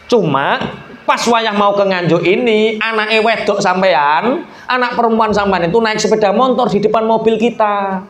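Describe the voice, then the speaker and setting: A man's voice: high voice, normal speed, fairly bright tone, roomy sound, a little hiss or hum. A preacher doing a chatty apologetic townsman. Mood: reassuring. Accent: Javanese. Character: talkative city man, friendly, apologetic.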